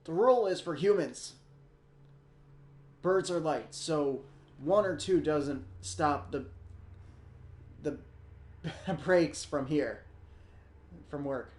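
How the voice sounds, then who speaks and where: [name], a man doing a gruff old sparrow lady. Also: on the high side, slow, pauses often, a little mellow. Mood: stern. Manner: stern, lecturing. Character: gruff older female sparrow, stern cautious driver. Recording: echoey room with guitar music.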